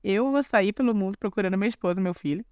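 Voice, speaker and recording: A woman's voice: medium pitch, fast, darkish tone, clear, resonant tone, dry recording, clean studio sound. Chatty, sarcastic Brazilian woman storyteller. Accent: Brazilian Portuguese. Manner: chatty, sarcastic asides, frequent restarts. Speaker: podcast host. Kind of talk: casual storytelling with commentary.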